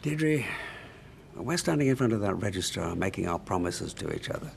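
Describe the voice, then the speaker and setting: An actor playing a calm older groom, reassuring his bride in a measured, soothing way. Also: on the low side, creaky, slight background noise.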